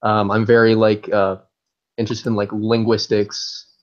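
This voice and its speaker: A young man from Chile, a guest on a podcast. He talks in a relaxed, chatty way and leans on "like" a lot. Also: lowish voice, unhurried. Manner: relaxed, chatty, uses "like" often. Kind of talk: casual remote podcast chat. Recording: dull lo-fi remote call audio.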